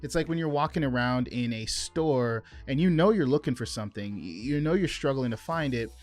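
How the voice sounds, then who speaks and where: A man's voice: medium pitch, lively intonation, fairly quick, soft background music. A man teaching sales calling in a conversational way, explaining step by step and acting out example phone lines. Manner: demonstrates call scripts by acting out both sides. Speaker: sales coach. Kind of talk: sales training talk to camera.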